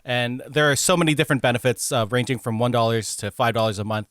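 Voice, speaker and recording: A man's voice: mid-range voice, fairly even intonation, quick pace, a bit bright, dry recording, studio quality. A man co-hosting a live-streamed podcast in a laid-back, easily amused way. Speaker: podcast co-host.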